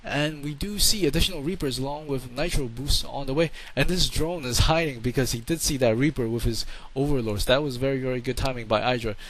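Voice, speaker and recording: A man's voice: medium pitch, brisk, few pauses, crowd noise, poor audio. A man giving casual, rambling play-by-play commentary on a strategy game into a home microphone, often repeating words for emphasis.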